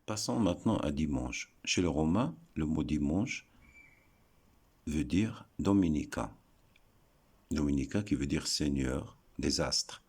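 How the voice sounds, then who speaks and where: A man giving a slow, deliberate lesson, breaking words into syllables and pausing often. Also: rumbling low, expressive, darkish tone, husky. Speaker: teacher explaining word origins.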